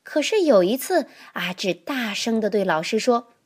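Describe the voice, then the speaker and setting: A woman reading a children's picture book aloud in an expressive, lively manner. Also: a little high, moderate pace. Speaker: storyteller.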